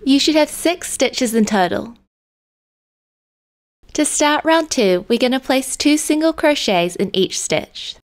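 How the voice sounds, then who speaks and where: A woman host narrating a crochet tutorial in a calm, step-by-step instructional manner. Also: high-pitched, slow pace. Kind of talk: scripted tutorial voice-over.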